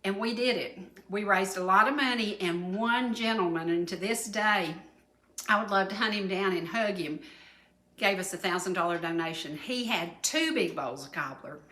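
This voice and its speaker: A woman's voice: medium pitch, normal speed, bright, forceful tone, roomy sound. A woman in her seventies with a Southern US accent, hosting a cooking segment on a local TV talk show in a folksy, chatty, playful way. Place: TV studio kitchen set.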